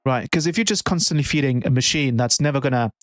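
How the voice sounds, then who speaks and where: A man's voice: mid-range voice, quick pace, no echo. A man who produces music, chatting casually on a live stream and thinking aloud with many restarts.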